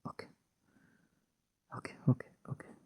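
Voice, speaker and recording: Speaking very slowly in a hushed, soothing whisper, a man plays a young husband who is married to his ex. His teasing role-play comes across gruff yet tender.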